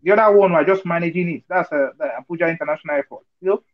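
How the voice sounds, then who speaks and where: Talking very fast in a high voice, a Nigerian participant in an online group discussion argues earnestly over a video call. He uses plenty of fillers and rhetorical checks, and the call audio is lo-fi.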